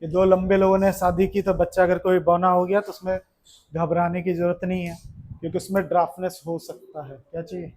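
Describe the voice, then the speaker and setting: एक पुरुष शिक्षक कक्षा में छात्रों को पढ़ा रहा है, बार-बार सवाल पूछता है और मज़ाक में छेड़ता है।. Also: male voice, high voice, level tone, brisk, a little mellow. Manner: chatty, keeps asking questions, teasing. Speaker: teacher. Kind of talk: classroom lesson to students. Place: classroom.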